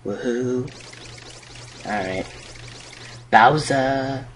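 Casual joking let's play commentator. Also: male voice, mid-range voice, extremely slow, soft background music, poor audio. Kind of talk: gameplay commentary.

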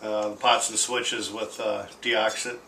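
This middle-aged tape deck seller talks through a demonstration at home in a rambling, unscripted, self-deprecating manner. His voice is lowish, level, and sharp-toned, at a measured pace. Music from record and tape playback plays, along with a little hiss or hum.

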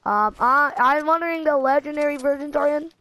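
Excitable woman narrating gameplay. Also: fairly quick, poor audio. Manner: excitable, swings from low muttering to sudden shrieks; rambling with many fillers and restarts. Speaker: gaming channel host. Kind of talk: live gameplay commentary.

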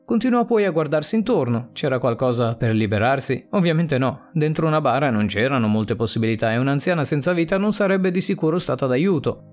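Brief: male narrator for a suspense story, animated pitch, faint music under him. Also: a little fast, few pauses. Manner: dramatic, expressive reading.

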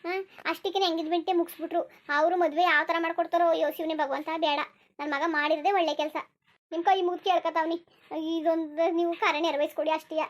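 A woman's voice: extremely high pitch, flat delivery, quick pace. Woman voicing a pleading cartoon village mother. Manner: pleading, begging. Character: pleading village mother, tearful and devoted to her son. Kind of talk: cartoon dubbing.

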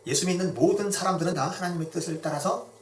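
A pastor delivering a sermon in a conversational storytelling manner, acting out quotes along the way. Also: male voice, high voice, fast, slight background noise. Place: church sanctuary. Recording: echoey church hall miked from a distance.

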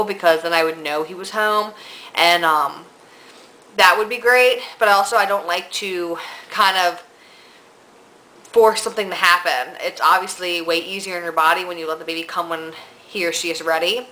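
Young woman, vlogger, bright tone, congested nose, breathless, chatty and rambling. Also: fairly low pitch, rough recording. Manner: chatty, rambling, many ums and likes. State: stuffy nose. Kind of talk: casual pregnancy vlog.

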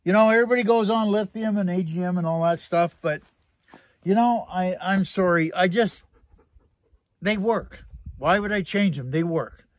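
A man's voice: high voice, moderate pace, dry recording. A Canadian man vlogging in a rambling, joking way, casually swearing as he talks through a project. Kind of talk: casual chat.

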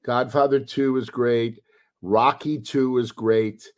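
A man chatting as a podcast guest from his home, telling stories in an excitable, animated way. His voice sits at an ordinary middle pitch. He jumps quickly from one anecdote to the next. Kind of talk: casual chat.

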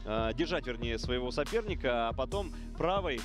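A man's voice: mid-range voice, expressive, normal speed, music in the background. A man co-commentating on a fight, giving analytical commentary.

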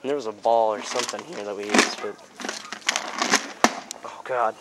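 An excitable teenage boy talks fast into a handheld camera as he wanders around. His voice is middling in pitch, and he bursts out in quick exclamations. Clear background noise from the camera runs underneath. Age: teens. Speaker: vlogger. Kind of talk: casual vlog chat. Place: outdoor parking lot and big toy store. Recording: noisy handheld camera audio.

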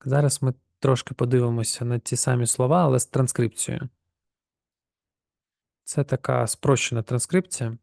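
A man teaching a pronunciation lesson, explaining rules and saying each example word slowly twice so the listener can copy it. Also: mid-range voice, fairly even intonation, gravelly, darkish tone, dry recording, studio quality. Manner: slow, repeats words to model pronunciation. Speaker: language teacher.

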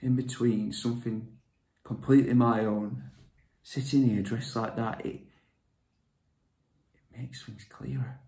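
An actor playing a withdrawn man raised by his grandmother, talking in a halting, confiding way that often drops to a whisper. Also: mid-range voice, fairly even intonation, warm tone, close to an everyday voice. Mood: confessional. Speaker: actor performing a monologue. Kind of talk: dramatic monologue. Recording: echoey room.

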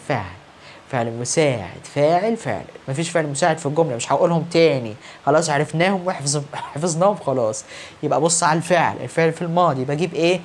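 Egyptian guy teaching english online, rattles along quick, cheers on pretend students, faint hum behind. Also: a little high. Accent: Egyptian Arabic. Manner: brisk, encouraging, answers imagined students. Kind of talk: recorded online grammar lesson.

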